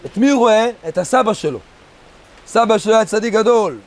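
A rabbi with a noticeably high voice delivers a storytelling sermon. He builds the tale in short, dramatic phrases and talks to his listeners casually as "guys". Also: expressive. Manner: addresses listeners casually as "guys" while narrating. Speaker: rabbi giving a Torah lesson.

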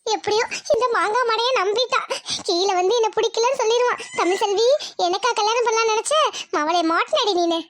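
A woman's voice: very high-pitched, a little fast, a little hiss or hum. A woman voicing a scheming young bride-to-be in a cartoon, speaking politely and then muttering sly asides. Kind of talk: Tamil cartoon dubbing with asides.

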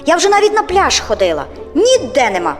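A woman's voice: a little high, very animated, fast, a little mellow, faint music behind. A woman voicing an anxious elf mother in an audio fairy tale, speaking in a worried, fretful way.

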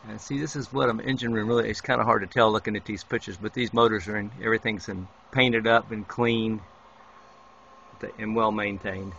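Low gravelly man, flat delivery, rambling walk-through narration, dull lo-fi camcorder sound. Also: a little fast, slight background noise. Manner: rambling, unscripted, many fillers and restarts. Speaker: walk-through guide filming a boat tour. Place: indoors aboard a yacht, small wood-paneled cabins. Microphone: handheld camera microphone.

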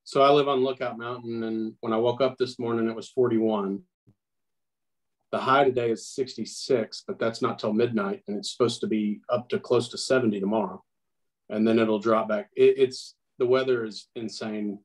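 A man's voice: mid-range voice, fairly even intonation, moderate pace, low-quality recording. Blunt middle-aged man on a video call. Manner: blunt, wry. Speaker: panelist. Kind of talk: casual video-call chat.

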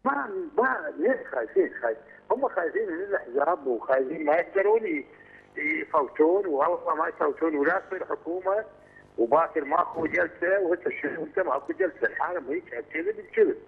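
A man's voice: a little high, expressive, fast talker, vocal fry, breathy edge. An indignant man with an Iraqi accent calling in to a talk show, repeating himself as he talks. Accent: Iraqi Arabic. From Iraq. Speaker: caller. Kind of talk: phone-in call. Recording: tinny phone line in a reverberant studio.

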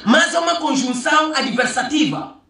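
A vlogger with a very high-pitched, sharp-toned voice delivers a ranting monologue at normal speed, recorded far from the mic in an echoey room. He's emphatic and mocking, firing off one rhetorical question after another.

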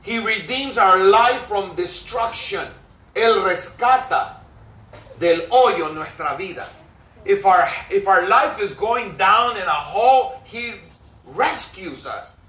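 A man's voice: sits high, expressive, slow, bright, forceful tone. A man pastor preaching a bilingual sermon, emphatically repeating each phrase in Spanish and English. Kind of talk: bilingual sermon, translating himself line by line. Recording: echoey hall, mic far off.

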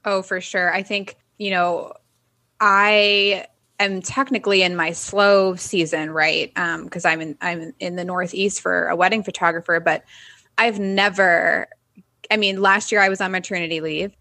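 A woman's voice: lowish voice, fairly even intonation, measured pace, pushed and bright, no room sound. A woman who is a wedding photographer and business owner, talking as a podcast guest in a chatty, upbeat way and laughing at herself. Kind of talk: conversational interview.

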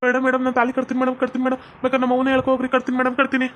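A woman's voice: sits high, completely flat delivery, rapid-fire, a bit bright, slight background noise. A woman voicing a cowardly young village man, whining and begging. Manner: whiny, begging.

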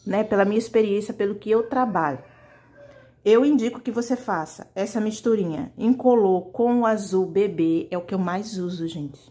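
A woman's voice: mid-range voice, mellow. A woman teaching fabric painting in a casual tutorial, chatting directly to her viewers while she paints.

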